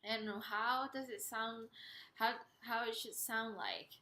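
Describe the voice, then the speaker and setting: Lady teaching a singing exercise, talks slow and kinda halting, roomy echo on it. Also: a little high, steady tone, pushed and bright. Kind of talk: instructional vocal lesson, explaining step by step. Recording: roomy, echoey sound.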